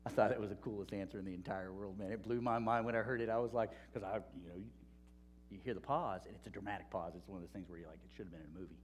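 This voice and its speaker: A man's voice: lowish voice, steady tone, very fast, slight background noise. A male preacher giving an earnest sermon, repeating phrases and sometimes dropping to a near whisper.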